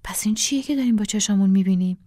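A woman's voice: medium pitch, dark tone, no echo, studio quality, pitched above the performer's own voice, lightly acted. A woman voicing a frightened young woman who whispers urgently.

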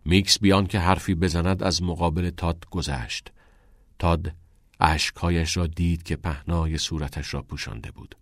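A man reading a novel aloud as narrator in a calm, measured way. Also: low-pitched, no echo, clean studio sound. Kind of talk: audiobook narration.

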